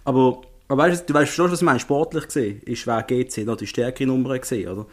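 A man's voice: medium pitch, fairly even intonation, quick pace. A man with a Swiss German accent co-hosting a football podcast, talking eagerly with frequent restarts and chuckles. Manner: talkative, chuckling, many restarts. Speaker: podcast co-host. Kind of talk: casual football chat.

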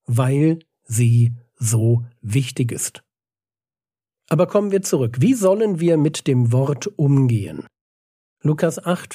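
Brief: earnest male Bible teacher, mellow husky voice, dry close sound. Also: a little high, dry recording. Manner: earnest, emphatic, reads Bible passages aloud.

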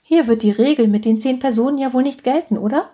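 A woman reading the lines of a cheerful, bossy middle-aged mother who scolds her grown daughter, in a slightly husky voice. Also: high voice, quick pace, warm tone, pitched above the performer's own voice.

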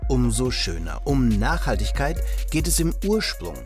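A man hosting and narrating a food magazine segment in measured, scripted voice-over. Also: mid-range voice, sing-song, darkish tone, soft background music. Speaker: host and reporter.

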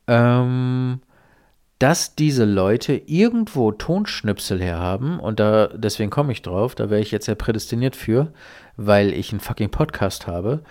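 A man's voice: medium pitch, a little mellow. A man hosting a solo podcast, talking casually and rambling, with offhand swearing. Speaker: podcast host.

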